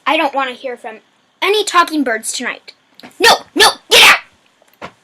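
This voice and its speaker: A woman playing a high-strung, indignant, put-upon male servant in a broad stage comedy. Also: very animated, moderate pace, noisy background. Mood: frantic, indignant. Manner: exclamatory, indignant.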